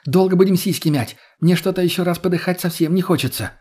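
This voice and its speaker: A man voicing a rude, irritable young woman in an audiobook, snapping and swearing in a raised, husky voice. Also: sits high, quick pace, a little mellow, voice pushed up. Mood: irritated.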